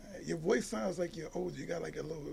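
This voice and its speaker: A man hosting an interview in a casual, joking, teasing way with quick interjections. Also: on the high side, gravelly, crowd noise. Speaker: interview host.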